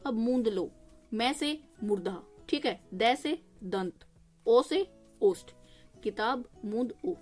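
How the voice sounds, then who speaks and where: A young woman teaching exam-prep grammar, explaining patiently, asking and answering her own questions and slowly sounding out each consonant. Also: on the high side, lively intonation, a little mellow, soft background music.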